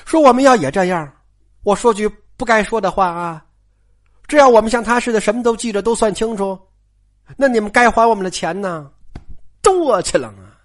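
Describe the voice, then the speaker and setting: A storyteller retelling a classic novel in a chatty, animated way, turning to the audience with asides and explanations. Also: medium pitch, fairly quick.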